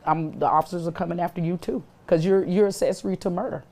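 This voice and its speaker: A grieving mother speaks in a news interview, emotional and pleading. Her voice is low and dark with a mellow tone. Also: steady tone, fast talker.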